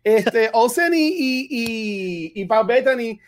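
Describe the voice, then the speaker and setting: A man's voice: very high voice, animated, slow pace. A man co-hosting a casual chat, enthusiastic and rambling, with many restarts. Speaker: podcast co-host.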